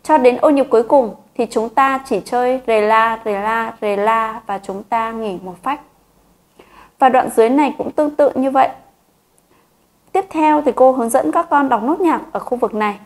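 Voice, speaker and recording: A woman piano teacher with a Vietnamese accent, gently guiding children through a lesson and slowly counting beats and calling note names. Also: fairly high pitch. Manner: gentle, patient, addresses children.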